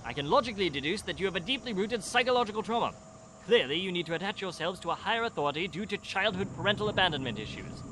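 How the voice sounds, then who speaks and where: An actor playing a pompous, self-assured detective who lectures grandly in a comedy audio drama. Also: male voice, high-pitched, animated, racing, background noise, pitched above the performer's own voice. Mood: lecturing. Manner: grandly deductive, mock-stern.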